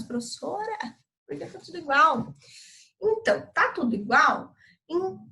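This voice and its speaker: A woman with a high, pushed, bright voice, heard on poor audio. She's a Brazilian teacher with a Brazilian Portuguese accent giving a recorded online class lecture, walking through the material step by step and checking in often with tag questions.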